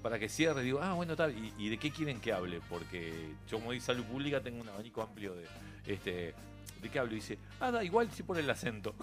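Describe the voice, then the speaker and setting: A middle-aged man with a Uruguayan accent, a radio interview guest chatting casually and telling animated stories with frequent laughter. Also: on the low side, quick pace, soft background music. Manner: animated storyteller, laughs often.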